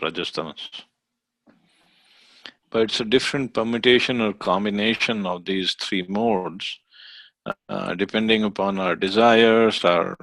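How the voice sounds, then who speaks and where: A man's voice: lowish voice, vocal fry, fairly bright tone, dry recording. A man teaching a scripture class, explaining patiently with some hesitant fillers. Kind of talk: scripture study lecture.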